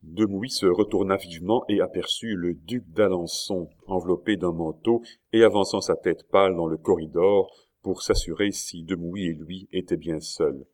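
A man with a very low, deep voice narrates a classic novel for an audiobook. His delivery is measured and even, with steady storytelling pacing. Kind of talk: scripted narration of a historical novel.

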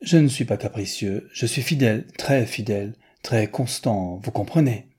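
A man reading aloud, voicing an earnest American gentleman who speaks slow, halting, simple French. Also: on the low side, slightly rough. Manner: slow, hesitant, simple words.

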